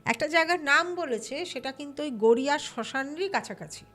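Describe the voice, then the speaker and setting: A woman telling a true ghost story casually, lively and acting out the people she quotes. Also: high voice, a little fast. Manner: lively, acts out quoted voices. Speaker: storyteller guest.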